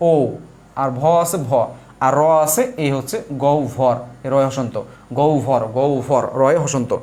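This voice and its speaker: A young man, an exam prep teacher, leads a live online lesson in a medium-pitched, darkish voice at a normal speed. He explains each step as he writes, repeating points and posing questions that he then answers himself.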